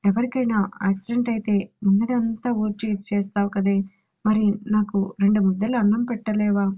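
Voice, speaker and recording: A woman's voice: medium pitch, steady tone, fairly quick, dark tone, lo-fi sound, close to an everyday voice. A woman voicing a teasing, persistent young male suitor in an audio story. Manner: teasing, cheeky.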